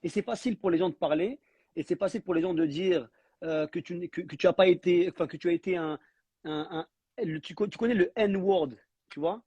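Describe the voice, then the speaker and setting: A man in casual stream chat, speaking haltingly as he searches for words. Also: high voice, a little mellow, husky, muffled recording.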